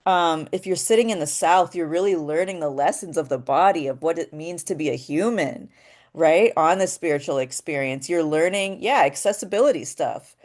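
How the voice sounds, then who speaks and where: A woman's voice: low voice, normal speed, a little mellow. A woman teaching voice acting in a casual spoken lesson, explaining her ideas step by step and often asking "right?". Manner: explanatory and thoughtful, with frequent "um" and "right?".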